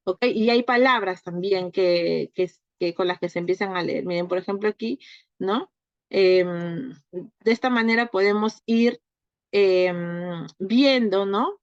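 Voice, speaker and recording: A woman teaching a class, explaining step by step and ending phrases with quick check-ins like "right?" and "okay?". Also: mid-range voice, no echo. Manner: walks through classroom materials step by step. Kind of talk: online class lecture. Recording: dull, lo-fi, dry.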